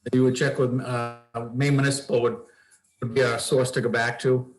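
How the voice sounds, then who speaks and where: A man chairing a board meeting in a formal, measured, procedural way. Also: mid-range voice, level tone. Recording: echoey room sound.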